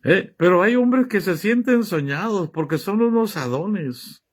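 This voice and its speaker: With a high-pitched, animated voice and an unhurried delivery, a man preaches, reading scripture aloud and commenting on it. He presses his listeners with rhetorical questions.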